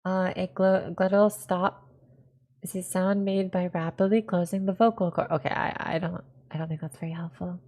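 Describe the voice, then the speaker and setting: A woman's voice: on the low side, steady tone, normal speed, darkish tone. A woman from California chatting casually on a live stream, giggly and self-deprecating, repeating words over and over to test how she says them.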